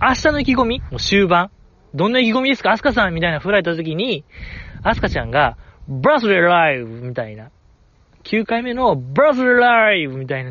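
Kansai man, podcast host, chatty and self-correcting, animated pitch, dull lo-fi sound. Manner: rambling, self-correcting, often apologizing. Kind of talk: casual solo podcast talk.

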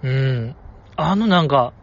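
A man's voice: medium pitch, lively intonation, takes it slowly, highs cut off. A man with a Kansai accent talking casually outdoors, reviewing voice performances and playfully acting out the lines he quotes. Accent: Kansai Japanese. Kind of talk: casual solo talk. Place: outdoors in the cold.

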